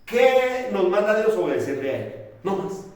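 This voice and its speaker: A male preacher delivers a sermon in a plain, talky style, asking questions and then answering them. His voice sits fairly high and is picked up from some distance away. The church hall around him rings with strong echo. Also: big pitch swings, moderate pace, darkish tone. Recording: very echoey room, voice from a distance.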